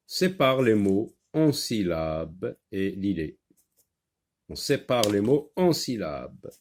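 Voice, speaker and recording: A man teaching a primary-school French reading lesson, sounding out words syllable by syllable, repeating them, and pausing with "euh" while he explains. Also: fairly low pitch, a little mellow.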